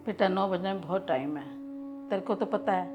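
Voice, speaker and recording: A woman's voice: mid-range voice, fairly quick, over music, close to an everyday voice. A woman acting an ailing, elderly mother-in-law in a family drama skit, speaking in a plaintive, pleading way. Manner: plaintive, pleading, soft-spoken.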